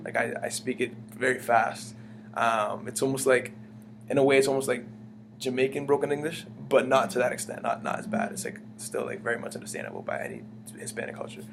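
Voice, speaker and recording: A young American man being interviewed in a casual conversation speaks in quick bursts, rambling with lots of fillers and tripping into restarts. His medium-pitched voice has a gravelly edge, and a steady hum runs beneath the recording.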